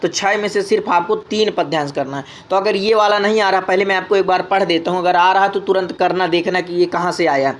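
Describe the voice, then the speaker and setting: A man with a Hindi accent explaining an exam paper as a tutor, reading the questions aloud and chanting the verses in long, drawn-out tones. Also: high voice, steady tone. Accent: Hindi, from north India.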